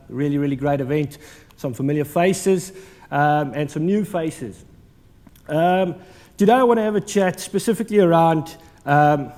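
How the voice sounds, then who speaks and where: A man with a South African accent gives a jokey, conversational presentation in a large conference hall, full of ums and uhs. His voice sits on the high side with a darkish tone and a long reverb tail.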